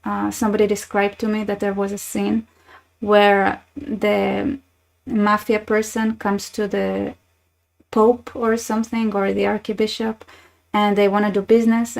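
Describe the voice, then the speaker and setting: Woman hosting her channel, chatty and wry, kinda monotone, lots of restarts. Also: medium pitch, measured pace, creaky, poor audio. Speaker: channel host. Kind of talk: casual commentary reading posts.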